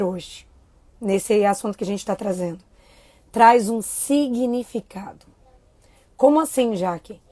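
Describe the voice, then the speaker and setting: A woman giving a motivational talk to a live audience, lively and full of questions to the crowd. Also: high voice, dry recording. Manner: acts out a child's inner voice. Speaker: speaker.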